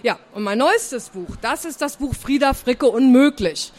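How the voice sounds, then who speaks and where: A woman's voice: high voice, expressive, measured pace, darkish tone. Woman from northern Germany, children's author, simple and friendly talk to kids. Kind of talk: author talk and reading to a live audience.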